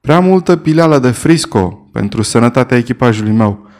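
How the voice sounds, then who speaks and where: A man's voice: mid-range voice, expressive, a little mellow, close to an everyday voice. A man voicing a brutal, cold-hearted sea captain who gives curt, mocking commands in a storybook reading.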